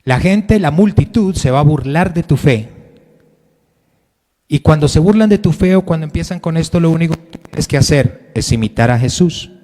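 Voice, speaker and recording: A man preaching a Sunday sermon as pastor, asking the congregation questions and swinging between loud and quiet. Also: a little high, expressive, moderate pace, in a large hall. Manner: preaching with sudden rises and drops in loudness, direct questions to the congregation. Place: church hall.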